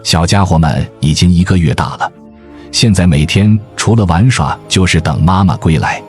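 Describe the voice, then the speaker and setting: A man reading a scripted nature documentary narration in a measured, storytelling way, as the narrator. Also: sits low. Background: music.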